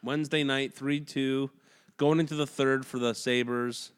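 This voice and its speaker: A man's voice: mid-range voice, steady tone, smooth. Man, podcast co-host, casual sports chat, reads stat lists, frequent laughter, home recording. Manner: reads stats in a quick list, breaks into laughs. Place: home room.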